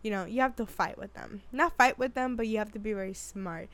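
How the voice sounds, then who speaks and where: A woman's voice: mid-range voice, brisk. A woman in her twenties telling a story in casual chat, acting out what people said and laughing often. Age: 20s. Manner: animated storytelling, acts out quotes, laughs often. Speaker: vlogger.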